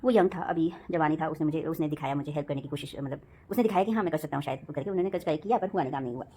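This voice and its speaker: A woman's voice: sits low, rapid-fire, dark tone, a little hiss or hum. A woman venting in a rambling casual monologue, repeating herself and correcting her words as she goes. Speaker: vlogger.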